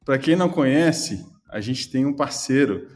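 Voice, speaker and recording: A man's voice: mid-range voice, expressive, a little slow, faint music behind. A man with a Brazilian accent hosting a podcast in a casual, chatty style. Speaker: podcast host.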